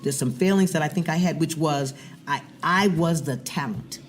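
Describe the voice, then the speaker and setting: A middle-aged woman, a business owner, talking as a guest in a casual interview, animated and often repeating words as she starts a thought. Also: low voice, moderate pace.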